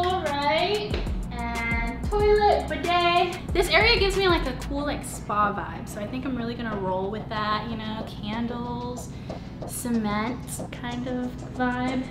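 A young woman giving a casual, chatty vlog tour of her home, sing-song and full of "like"s. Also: sits high. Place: large empty apartment. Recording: very echoey empty rooms with music. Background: music from house speakers.

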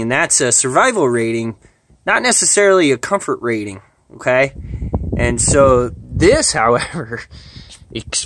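A plain-spoken man in his thirties talks through camping gear at an outdoor campsite, with a middle-pitched voice and lots of "uh" and "um". His voice sounds close and dry on a handheld camera. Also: a bit bright, no echo. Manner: plain-spoken, chatty, frequent "uh" and "um". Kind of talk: casual outdoor gear talk.

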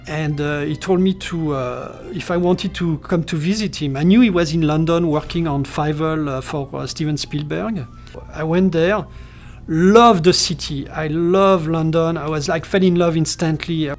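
A middle-aged French character designer speaks with a French accent in an indoor studio room, his voice slightly high and creaky. Seated for an interview, he talks hesitantly, with lots of fillers and restarts.

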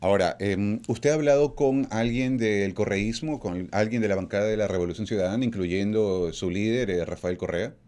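A man in his thirties hosting a news interview from a small studio, asking measured, direct questions. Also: on the low side, a little mellow.

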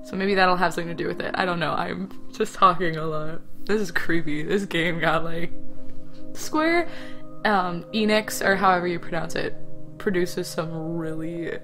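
A young woman talks her way through a game in casual, chatty commentary, swearing freely and shouting at the characters. Her voice sits a little low. Faint music plays underneath. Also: steady tone, moderate pace. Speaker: let's play gamer.

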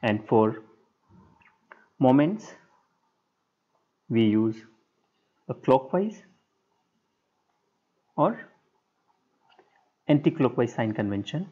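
A man lectures on structural engineering over a whiteboard screen recording, in short, halting, measured phrases. His medium-pitched voice is dark-toned with big pitch swings, and the audio sounds dull and lo-fi.

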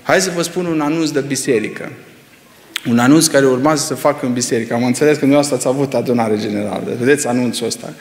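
Impassioned preacher man in echoing hall. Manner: dramatic swings from loud rising exclamations to hushed low asides; rhetorical questions to the congregation. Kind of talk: sermon. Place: church hall. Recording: echoey reverberant church hall.

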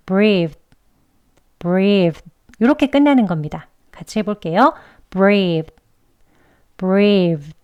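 Woman teaching english pronunciation, patient, says each sound slow and twice. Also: mid-range voice, darkish tone, muffled recording. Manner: patient, demonstrates sounds slowly and repeats them. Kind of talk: pronunciation lesson.

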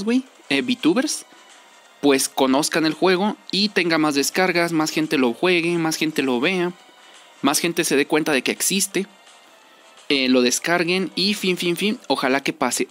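A young Mexican man with a slightly high voice talks casually about a game. His speech is slangy and rambling, with repeated phrases for emphasis. Game music plays faintly behind him. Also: fairly bright tone. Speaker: gaming video creator. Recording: music under the voice.

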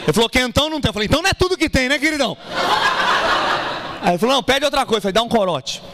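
A man's voice: very high voice, very fast, very noisy. A man doing stand-up, telling a story and acting out both sides of the dialogue. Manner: animated, profane, acts out both sides of dialogue. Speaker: stand-up comedian. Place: small café stage with live audience.

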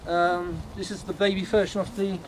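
A man leading a ghost tour, explaining things informally to a group in a halting, matter-of-fact way. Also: high voice, level tone. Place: on a night walking tour, in the dark. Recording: noisy outdoor night recording.

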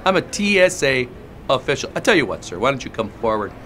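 A man's voice: medium pitch, big pitch swings, quick pace, fairly bright tone, slight background noise. A male comedian playing a pushy, leering airport security guard, talking in a sarcastic, interrogating, mock-official manner. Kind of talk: comedic character monologue.

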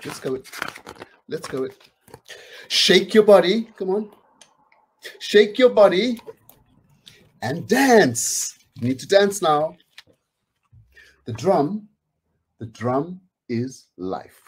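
Reading picture books to children indoors at home, a middle-aged man speaks in a high, husky, very animated voice. He takes it slowly and pauses often, chatting with the kids and urging them to join in.

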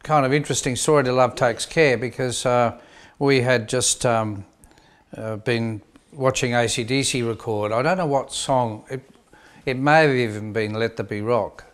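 An older man, a band member, telling a relaxed, rambling story in an interview with many pauses and fillers. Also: medium pitch, faint music behind. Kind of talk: reminiscing interview.

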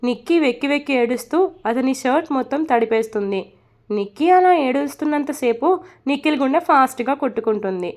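A woman narrating a romantic story in a steady, expressive reading voice. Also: high voice, fairly quick.

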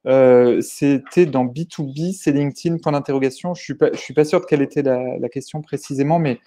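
A man's voice: mid-range voice, fairly quick, mellow. A man moderating a live webinar, relaying audience questions with many hesitations and fillers.

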